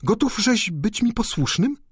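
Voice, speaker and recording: A man voicing a distraught young baroness, high and pleading. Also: very animated, unhurried, slightly rough, no echo, clean studio sound, exaggerated voice. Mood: anxious. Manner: pleading, urgent, tremulous. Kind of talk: audiobook character reading.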